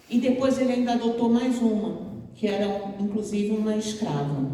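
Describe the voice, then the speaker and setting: A woman giving a storytelling lecture to an audience, animated and full of pauses. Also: mid-range voice. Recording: echoey hall, mic far off.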